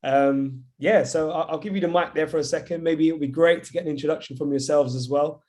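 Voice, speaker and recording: A man's voice: on the high side, steady tone, quick pace, a little mellow. A young man hosting a webinar, introducing his guests with gushing enthusiasm over a video call. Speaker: webinar host.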